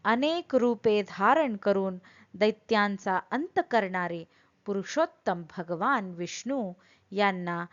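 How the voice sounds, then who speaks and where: A woman teaching a devotional hymn, over-enunciating carefully and deliberately as she recites and explains. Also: mid-range voice, animated, dull audio. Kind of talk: slow chanted Sanskrit verses with explanatory narration.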